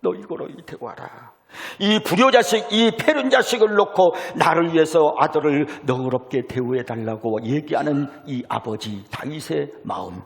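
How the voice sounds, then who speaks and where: A male pastor preaching a sermon, telling stories dramatically and acting out the voices he quotes, with sudden swings between loud and soft. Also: fairly high pitch, animated, normal speed, hardly any pauses. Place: church sanctuary. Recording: long hall reverb.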